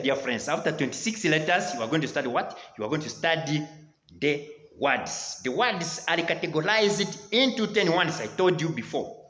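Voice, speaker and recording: A man's voice: fairly high pitch, fairly bright tone, echoey room, rough recording. Rwandan man coaxing English learners. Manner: repetitive, exhorting, keeps saying dear friends. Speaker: English teacher. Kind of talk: motivational language lesson.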